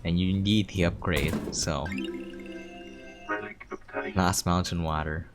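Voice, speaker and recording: A game streamer rambles and thinks aloud while playing, giving casual commentary in a slow, low voice with fairly even intonation. Game music plays in the background.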